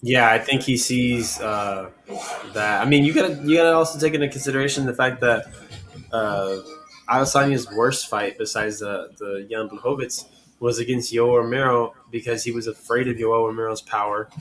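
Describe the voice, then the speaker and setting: A man hosting a podcast, talking through fights casually with lots of pauses and "I mean". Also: medium pitch, fairly bright tone, faint music behind, rough recording. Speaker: podcast host.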